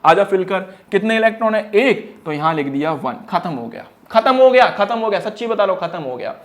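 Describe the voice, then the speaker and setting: High-voiced, playful male teacher. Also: expressive, brisk. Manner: playful, teasing, quizzes and answers himself; drags words out in a singsong way. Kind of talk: energetic one-shot exam lecture.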